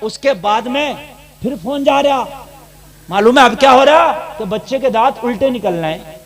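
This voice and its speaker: A male Islamic preacher, delivering a fiery sermon to a crowd, swinging from soft asides to shouted appeals. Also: very high-pitched, normal speed.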